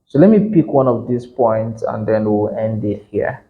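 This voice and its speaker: A man's voice: lowish voice, moderate pace, phone-quality sound. A man giving a lecture on real estate law to realtors, conversational and emphatic, often correcting himself mid-sentence.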